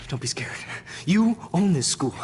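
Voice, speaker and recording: A man's voice: very high-pitched, sing-song, moderate pace, a little hiss or hum. An actor playing an unstable, entitled young man, agitated and menacing, in a dramatic video game scene. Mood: nervous self-soothing. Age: young adult. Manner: agitated, menacing, swinging from muttering to outbursts. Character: unstable, entitled young male school bully.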